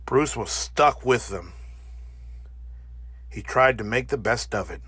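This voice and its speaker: A man narrating a children's picture book as an animated read-aloud. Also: mid-range voice, takes it slowly, slightly rough, dry recording. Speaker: storybook narrator.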